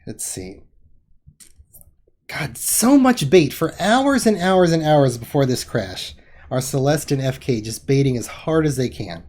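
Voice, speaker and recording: A woman's voice: lowish voice, a little mellow. A woman hosting a casual livestream, reading chat with wry remarks and casual swearing. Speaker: host.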